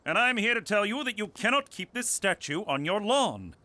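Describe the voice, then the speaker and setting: An actor voicing a formal, prim mounted police officer in a cartoon. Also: male voice, high-pitched, very animated, normal speed, noisy background.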